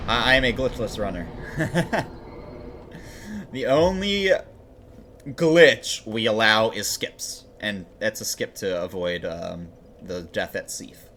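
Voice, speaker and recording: A man's voice: fairly low pitch, fairly bright tone, a little hiss or hum. Laid-back laughing man streaming a game. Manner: laughs often, loose and joking. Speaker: livestreaming speedrunner. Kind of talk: casual stream chat.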